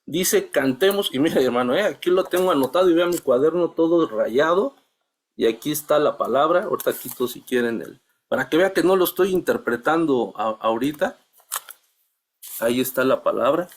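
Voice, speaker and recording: A middle-aged man giving an earnest, halting testimony in a church Bible class, often calling his listeners brothers. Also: a little high, lively intonation.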